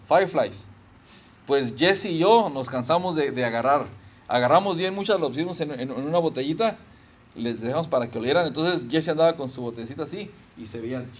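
Male pastor, fairly high voice, animated sermon delivery with acted-out voices. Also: lo-fi sound. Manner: animated, emphatic, acts out voices and sounds. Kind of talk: sermon and prayer.

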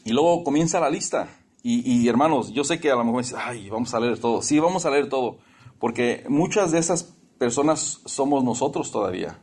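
A man's voice: mid-range voice, lively intonation, brisk, a little mellow, breathy edge. A man preaching a sermon in a conversational, lightly humorous way, repeating his points.

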